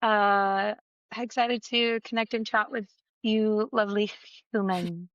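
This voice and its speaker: A woman's voice: mid-range voice, fairly even intonation, slow pace, no room sound, dull audio. A young woman from Argentina, a guest musician telling her story in a chatty, playful way over a video call. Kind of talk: casual interview chat.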